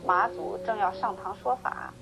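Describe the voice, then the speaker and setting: A woman gives a Buddhist sutra lecture in an animated storytelling manner, acting out the exchanges between master and student. She softens her sentences with drawn-out particles. A faint hiss of noise sits under the recording. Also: mid-range voice, vocal fry. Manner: slow measured chanting when reading scripture. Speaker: Buddhist teacher.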